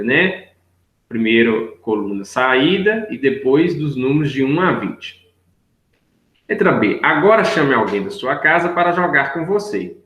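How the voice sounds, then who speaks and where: A man's voice: mid-range voice, a bit bright. Patient male teacher in an echoey room. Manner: patient, step-by-step, checks in with 'right?' and 'look here'. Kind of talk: explaining worksheet answers to young children.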